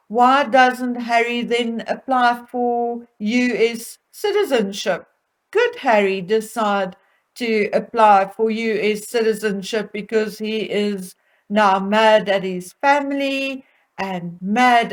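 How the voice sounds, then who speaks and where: A woman hosting gossip commentary in a catty, mocking manner, with arch asides and rhetorical questions put to listeners. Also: on the high side. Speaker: host of a royal gossip commentary.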